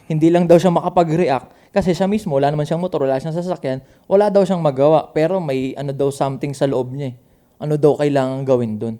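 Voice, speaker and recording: Male co-host, high pitched and warm, loose and profane. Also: fast talker. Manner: swears a lot, animated. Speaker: podcast co-host. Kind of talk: casual chat.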